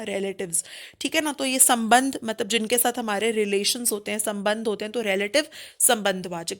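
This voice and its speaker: A young woman with a fairly high voice teaches a grammar lesson. She explains patiently and keeps checking that her listeners follow. She slows right down to spell out each example sentence. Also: a bit bright. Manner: slow, spelled-out English examples. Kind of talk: Hindi-English grammar lesson.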